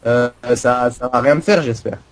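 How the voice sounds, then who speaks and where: A man talks through a game server in casual commentary, his pitch sitting right in the middle of the male range. He rambles and pokes fun at himself as he explains. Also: moderate pace. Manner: rambling, self-mocking explanations. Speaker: co-host giving a game server tour.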